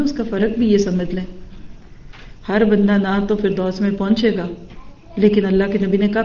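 A woman's voice: medium pitch, mellow, lo-fi sound. Woman teaching Quran in a roomy space. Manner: explains Arabic words, mixes in English terms; asks the listeners questions and answers them herself. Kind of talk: Urdu Quran tafsir lecture.

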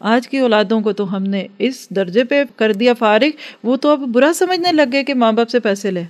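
A woman's voice: a little high, moderate pace, darkish tone. A woman giving an earnest religious lecture to a class, advising and acting out everyday dialogues. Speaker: religious teacher.

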